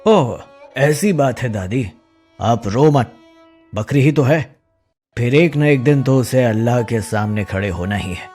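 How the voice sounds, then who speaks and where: A man's voice: medium pitch, expressive, measured pace, a little mellow, husky, soft background music. A man voicing a greedy, sly goat thief in a cartoon, wheedling and mocking. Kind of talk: cartoon voice acting.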